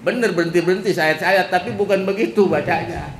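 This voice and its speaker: A male Islamic teacher gives a slow, explanatory religious lesson, chanting Quran verses as examples. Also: sits high. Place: boarding school study hall. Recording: echoey room with faint background noise.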